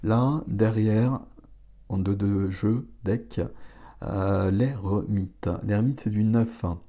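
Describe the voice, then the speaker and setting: A middle-aged man doing a casual tarot reading, relaxed and chatty, exclaiming over the cards. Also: fairly low pitch, drawn-out words, dull audio. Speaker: tarot reader.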